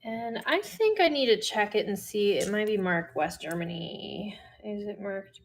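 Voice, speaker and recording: Midwestern woman host, relaxed slow livestream seller who chats to herself. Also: medium pitch, gravelly. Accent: Midwestern American. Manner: chatty, talks to herself while listing items. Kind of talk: casual livestream selling.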